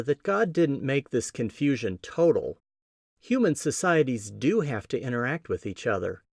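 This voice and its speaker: A podcast host with a Midwestern American accent gives a scripted teaching talk, measured and explanatory with emphatic stresses. His mid-range voice is recorded at studio quality with no room sound.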